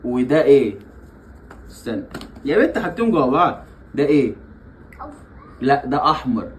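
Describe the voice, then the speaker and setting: With slight background noise and low-quality audio, this father and vlogger talks at normal speed in an animated, mid-range voice. He's young, has an Egyptian Arabic accent, and laughs a lot as he playfully coaxes his small kids.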